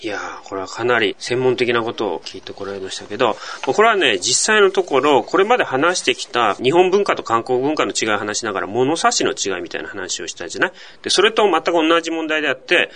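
A man's voice: medium pitch, big pitch swings, a little fast, few pauses, a bit bright. A man hosting a language podcast, explaining pronunciation patiently and asking rhetorical questions. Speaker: podcast host teaching Korean.

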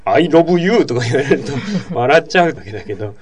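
Male talk host, quick and animated delivery, explanatory chat. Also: medium pitch, crowd noise. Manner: explanatory, lively, reads listener messages. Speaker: radio show host. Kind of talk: casual talk show explaining language.

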